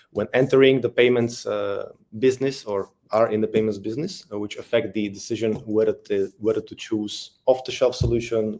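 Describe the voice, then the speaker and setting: A man from Slovakia, hosting a business webinar in a relaxed, friendly way with frequent fillers. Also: lowish voice. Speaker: webinar host, payments advisor.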